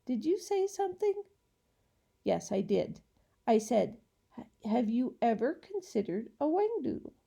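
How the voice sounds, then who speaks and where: A woman's voice: fairly high pitch, big pitch swings, unhurried, gravelly, pauses often, warm tone, full character voice. A woman voicing a cheerful, odd little old man in a storybook who talks politely and eagerly. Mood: chatty.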